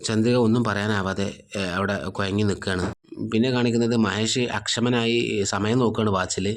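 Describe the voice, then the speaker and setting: A man's voice: lowish voice, steady tone, fairly quick. A man casually retelling a TV serial episode, relating each character's lines in his own plain storytelling voice. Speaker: narrator recapping a TV serial episode. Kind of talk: casual spoken plot recap.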